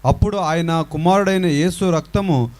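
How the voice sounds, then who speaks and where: A man reading a Bible passage aloud at a steady, measured pace. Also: a little high. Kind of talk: scripture reading.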